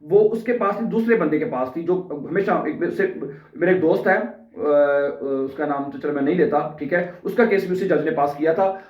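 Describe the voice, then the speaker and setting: A man from Pakistan, earnestly telling his own story to viewers in a casual vlog and checking in with them often. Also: a little high. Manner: earnest, addresses viewers directly, keeps adding "okay" checks. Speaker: language vlogger. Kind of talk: casual personal storytelling to camera. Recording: roomy, distant, dull mic sound.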